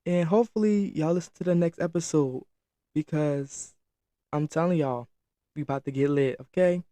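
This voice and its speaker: A man's voice: fairly high pitch, moderate pace, dry recording. Chatty young man telling a story. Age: late teens. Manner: chatty, animated, addresses viewers as y'all. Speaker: podcast host. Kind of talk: casual story time.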